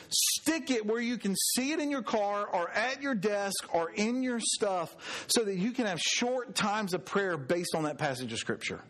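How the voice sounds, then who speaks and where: A man, preaching a conversational sermon with earnest, drawn-out emphasis on key words. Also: high-pitched. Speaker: pastor.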